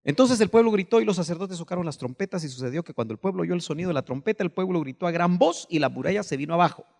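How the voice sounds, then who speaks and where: A Guatemalan man with a Guatemalan Spanish accent, preaching a sermon as pastor, animated and breaking into sudden shouts. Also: high-pitched, very fast, creaky, in a large hall.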